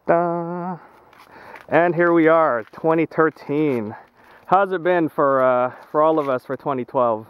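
A man's voice: fairly high pitch, unhurried, phone-quality sound. Young man vlogging outdoors over noise. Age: young adult. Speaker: vlog host and cameraman. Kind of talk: casual chat. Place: open foggy lakeside, outdoors. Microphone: handheld camera mic. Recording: outdoor camera with background noise.

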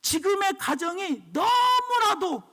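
High-voiced, emphatic male preacher. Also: sing-song, slow, pushed and bright. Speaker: pastor. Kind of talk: sermon.

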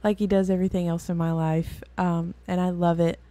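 A woman's voice: fairly low pitch, little pitch movement, brisk, dark tone, dry recording. A weary woman hosting and giving a casual, rambling Bible lesson, full of fillers and self-corrections. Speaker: host and Bible teacher.

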